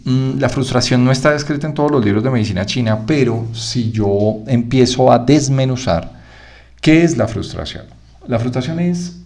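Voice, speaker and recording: A man with a Colombian Spanish accent giving an online lecture on acupuncture, teaching in a lively way and checking in often with "¿sí?". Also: medium pitch. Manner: lively teaching, frequent "¿sí?" checks, acts out students' objections. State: one ear feels blocked.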